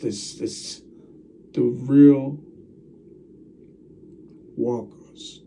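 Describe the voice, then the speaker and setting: A man's voice: medium pitch, gravelly, warm tone, distant mic, a little hiss or hum. A man talking casually to his viewers as a channel host, rambling and repeating himself as he talks straight at the camera. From United States. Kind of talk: casual vlog monologue.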